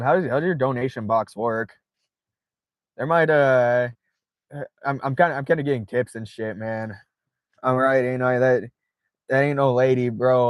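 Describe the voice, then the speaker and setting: A man's voice: mid-range voice, no echo. A man hosting a casual late-night livestream from inside his car, reading viewer chat aloud, swearing freely and laughing often. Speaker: livestream host.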